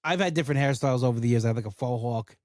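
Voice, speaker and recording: With a racing delivery, a mid-range voice, and a darkish tone, this forties-aged man hosts a podcast, chatting in a loose, rambling way packed with "like" and restarts. He comes from an Italian-American household, and the studio-quality audio has no echo.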